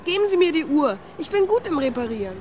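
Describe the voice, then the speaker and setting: A man's voice: very high-pitched, very animated, fast talker, a little mellow, a little hiss or hum. An actor playing a cheeky, curious boy who talks back, in an old radio play. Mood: grumbling, cheeky. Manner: sulky, back-talking. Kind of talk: 1970s radio play acting.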